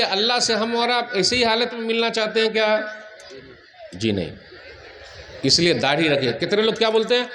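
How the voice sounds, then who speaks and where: Male preacher, high-pitched voice, sermon to a big crowd, asks questions and jokes. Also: a bit bright, slight background noise. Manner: recites Arabic hadith quickly in a raised voice. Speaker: Islamic preacher. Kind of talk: Urdu sermon to a large gathering.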